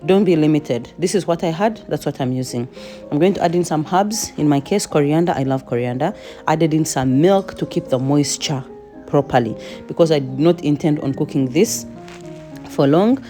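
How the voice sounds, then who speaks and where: A woman's voice: deep voice, moderate pace, warm tone, faint music behind. A woman home cook giving a chatty cooking voice-over with playful asides.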